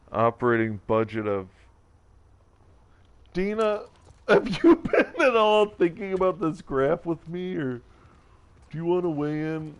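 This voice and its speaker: A man streaming a video game, rambling and joking about whatever comes to mind with self-mocking asides. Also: a little high. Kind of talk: casual let's-play commentary.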